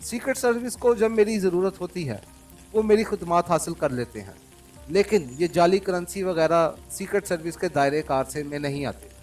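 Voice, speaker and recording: A man reading an audiobook, voicing a calm, coldly commanding male secret agent, recorded from a distance over faint music. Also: high voice, moderate pace. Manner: calm and cold, mocking laughter.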